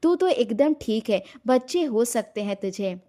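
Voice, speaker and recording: A stubborn old mother-in-law scolds and insists she will get her way, as a woman narrator takes on the role. Her voice is fairly high and sharp-tongued. She speaks as a character in a spoken storybook drama. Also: expressive, unhurried. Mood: scolding.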